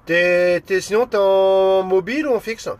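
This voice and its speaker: Speaking a little slowly, a French amateur radio operator with a high-pitched voice switches between reading call signs and chatting casually. His manner is warm but somewhat hesitant.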